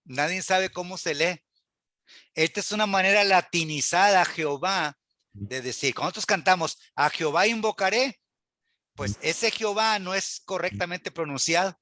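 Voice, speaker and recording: A man's voice: sits high, expressive, normal speed, pushed and bright. A man teaching a Bible Hebrew class to a church group, earnest and full of rhetorical questions, quoting scripture aloud.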